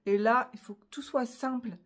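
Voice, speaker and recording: A woman's voice: fairly high pitch, steady tone, normal speed. A middle-aged woman from France chatting casually in a craft vlog, rambling with many fillers and swallowing her syllables. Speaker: craft vlogger.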